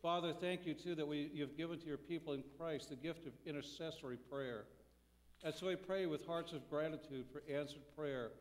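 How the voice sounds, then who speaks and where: A man leading a church service in solemn, measured liturgical prayer, his voice ringing with cathedral-like echo. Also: on the high side. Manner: measured, solemn, phrase-by-phrase delivery. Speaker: pastor leading worship. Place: church sanctuary during a service. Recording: long church reverb, voice from a distance.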